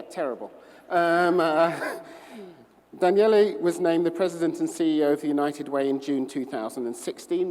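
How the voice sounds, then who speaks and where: Male moderator, halting intro, mellow tone, echoing hall. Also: a little high. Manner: halting, self-deprecating. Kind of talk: introducing a speaker. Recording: reverberant hall.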